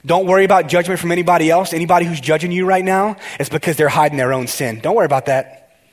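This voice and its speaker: A male pastor delivers a casual, conversational sermon in a notably high voice. He is excitable and speaks directly to his listeners, often stumbling and restarting his sentences as he gets carried along. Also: quick pace. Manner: excitable, talks straight to the congregation with frequent restarts.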